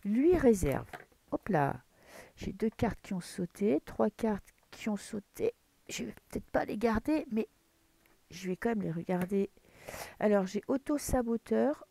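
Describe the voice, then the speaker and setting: Her voice on the high side and dark in tone, a French-accented tarot reader chats casually through a reading. She rambles with many fillers and restarts, sitting in a dim room at home in the early morning.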